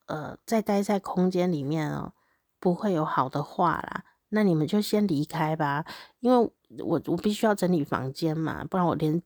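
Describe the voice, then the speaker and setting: A woman, reading her own diary aloud as a podcast host in a candid, animated way, often breaking into laughs. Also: sits low, moderate pace, dry recording, clean studio sound. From Taiwan.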